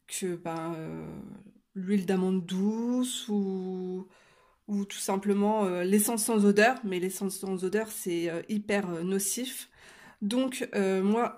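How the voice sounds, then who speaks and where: A woman's voice: mid-range voice, darkish tone. Chatty woman demonstrating coloring, hesitant. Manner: hesitant, many filler pauses, chatty asides to viewers. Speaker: coloring tutorial creator. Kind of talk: casual step-by-step demonstration.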